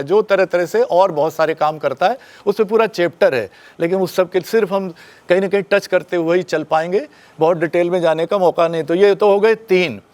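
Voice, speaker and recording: An older man giving a classroom lecture at a media school, quizzing the students and acting out pauses and stress, and firmly telling them to put their phones away. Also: high voice, darkish tone.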